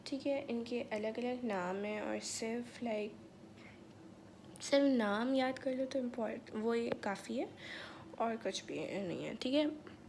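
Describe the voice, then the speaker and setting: A woman's voice: on the high side, takes it slowly, noisy background. A woman giving a casual medical lecture with a slightly sore throat, chatty and checking in often with her listeners. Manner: chatty, mixes English terms, repeats "theek hai".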